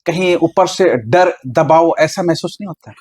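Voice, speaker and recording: A man's voice: on the high side, unhurried, darkish tone, breathy edge. A man interviewing a hospital official with pointed, probing questions.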